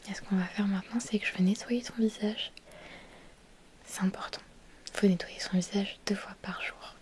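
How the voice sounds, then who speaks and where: A woman in a whispered role-play, speaking in a soft, breathy whisper, quiet at night, gently soothing and reassuring the listener step by step. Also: medium pitch, steady tone, moderate pace. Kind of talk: whispered role-play, ASMR bedtime pampering.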